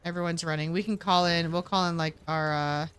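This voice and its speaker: A woman's voice: fairly low pitch, fairly even intonation, brisk, a bit bright, clean tone. A woman streaming a game with casual, slangy live commentary, often talking to the characters on screen.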